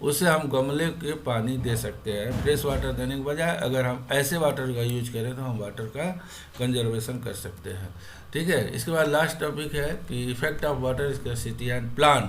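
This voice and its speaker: A male teacher explaining a school lesson in Hindi, mixing in English terms and pausing to restart his sentences. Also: medium pitch, fairly bright tone, slight background noise.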